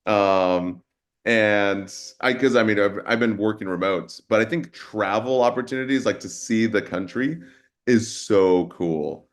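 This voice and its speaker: Man, lowish voice, nurse educator, casual webinar chat, relaxed with many fillers. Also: unhurried.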